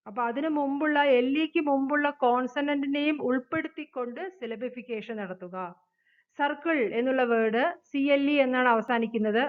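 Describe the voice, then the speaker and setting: A woman with a Malayali accent teaching an English grammar lesson, reading the English rules slowly and explaining them at length. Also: sits high. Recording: phone-like narrow sound.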